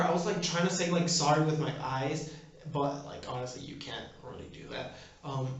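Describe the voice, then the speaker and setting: In a very echoey bathroom, a young man with a slightly high voice shares casual stories. He rambles in a self-deprecating, comedic way, as a vlogger would, and sounds set back from the microphone. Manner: self-deprecating, chuckles through rambling anecdotes. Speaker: vlogger telling personal stories. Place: bathroom, indoors. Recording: echoing bathroom, distant mic, slightly dull.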